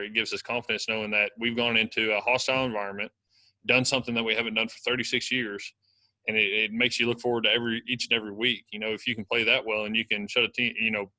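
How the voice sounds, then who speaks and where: Young male athlete at a presser, rapid and rambling, bright tense tone, flat delivery. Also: on the low side, dry recording, low-quality recording. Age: young adult. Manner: fast, filler-heavy talk with many "you know"s. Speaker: college football offensive lineman. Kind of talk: press conference answers.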